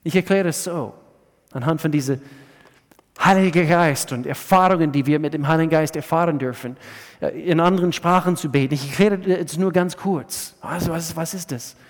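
A man preaching a sermon, swinging between loud emphatic lines and soft hushed asides, often restarting his sentences. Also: on the high side. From USA. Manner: halting, with frequent restarts. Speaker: pastor. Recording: reverberant hall.

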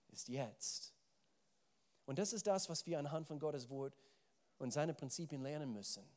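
Preaching a sermon, a man with a medium-pitched, somewhat mellow voice speaks emphatically. He frequently repeats words as he searches for phrasing and puts questions straight to his listeners.

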